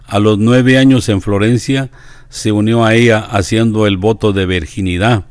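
A man reading a saint's life aloud and commenting on it in a measured, devout, earnest way. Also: lowish voice, fairly even intonation, a little mellow, smooth, dry recording, studio quality. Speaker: reader leading a group discussion.

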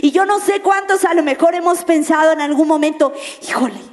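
A woman preaching a sermon, telling the story in an animated, dramatic way. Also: very high voice, fairly quick, long reverb tail. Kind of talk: church sermon. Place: church.

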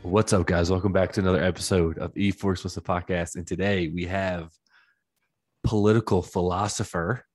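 A young man hosting a podcast in casual chat, upbeat and quick to laugh. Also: low-pitched, fairly even intonation, a little mellow, soft background music. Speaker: podcast host.

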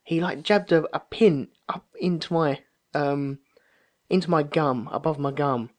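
Here a man in his thirties talks at a measured pace with a voice pitched a little high. He swaps anecdotes casually, dramatizing whatever he quotes.

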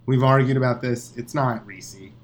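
A man's voice: mid-range voice, fairly even intonation, moderate pace. A man co-hosting a comedy podcast, teasing his friends in casual, dry banter. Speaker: podcast co-host.

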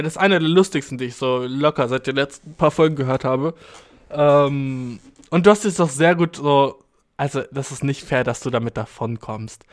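A man hosts a podcast, reading listener mail aloud and reacting in casual, slangy talk packed with English words and swearing. He's animated, jumping into high exclamations.

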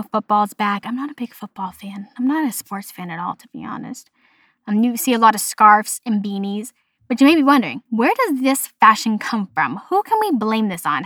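A woman's voice: on the high side, fairly bright tone, no echo, studio quality. Bubbly Boston woman podcast host. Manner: chatty, rambling, bubbly. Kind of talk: casual solo podcast chat.

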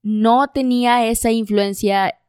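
A woman's voice: fairly high pitch, fairly even intonation, measured pace, a little mellow, smooth, no echo, studio quality. A woman with a Mexican accent, co-hosting a casual chat and teasing her partner. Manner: laughs often, teasing. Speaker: co-host.

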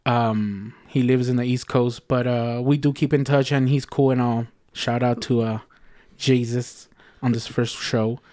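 A man's voice: mid-range voice, fairly even intonation, unhurried, warm tone. A man in his thirties co-hosting a casual podcast with his sister, laid-back and joking, with plenty of fillers. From Mexican-American family. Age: 30s. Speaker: podcast co-host. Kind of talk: casual chat.

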